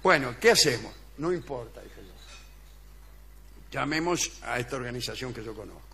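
A man with an Argentine accent telling an absurd story deadpan on a comic radio sketch, acting out the voices he quotes and chuckling. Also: mid-range voice, normal speed, creaky, a little hiss or hum.

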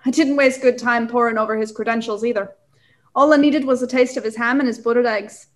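Young woman playing pompous Squire Trelawney, high-pitched. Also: fairly even intonation, a little fast, close to an everyday voice. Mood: indignant, jovial. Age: young adult. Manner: pompous, blustery. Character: blustering, boastful, excitable English gentleman squire. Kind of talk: radio play acting.

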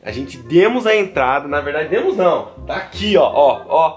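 A Brazilian man in his twenties chatting in a casual, slangy vlog style, emphatic and excitable, into a handheld camera. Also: on the high side, normal speed, faint music behind. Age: 20s. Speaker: vlogger. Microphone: handheld camera at arm's length.

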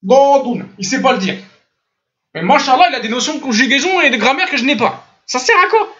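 He speaks a little fast, his extremely high voice lively in intonation and fairly bright. The man is a French-speaking Islamic teacher in an online voice chat room, using a computer mic, and the lo-fi recording captures him insistently correcting pronunciation by voicing the sounds himself.

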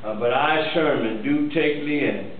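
A man leading a wedding ceremony as officiant, solemn and halting, pausing between short phrases. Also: fairly high pitch, phone-quality sound. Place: small church hall, indoors. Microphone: distant handheld camera microphone. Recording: echoey room, distant thin camera audio, faint noise.

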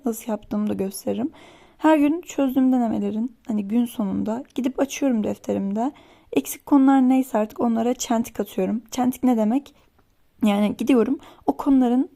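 A woman's voice: on the high side, creaky, mellow. A young woman casually vlogging her study day, chatty and rambling, getting worked up over small annoyances. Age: young adult. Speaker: vlogger, exam student. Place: home, then a library.

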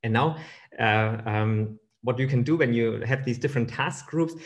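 A man's voice: medium pitch, moderate pace. A man in his thirties giving a keynote lecture over slides from a room on a webcam, with many fillers and restarts. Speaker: keynote speaker.

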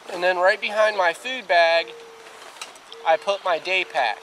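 For an outdoor vlog, a man in his thirties explains things step by step in a casual, plain way, filmed on a camera a few feet off in a grassy yard by a lake. His voice sits high and sounds bright and forceful at a measured pace. The recording is low quality, with clear background noise.

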